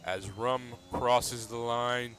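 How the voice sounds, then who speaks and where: A man commentating a sim racing league race in a relaxed, steady play-by-play manner. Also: mid-range voice, slow, noisy background. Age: adult.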